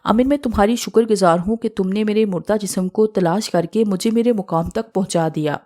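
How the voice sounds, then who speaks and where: A woman's voice: medium pitch, mellow, lightly acted. A woman voicing the vengeful ghost of a young woman in an audiobook horror story, read dramatically. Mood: tender.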